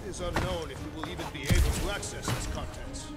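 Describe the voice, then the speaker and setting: An actor playing a big, literal-minded, fierce alien warrior in a video game, speaking formally and declaiming. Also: male voice, fairly high pitch, quick pace, lightly acted. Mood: deadpan. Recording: loud music behind the voice.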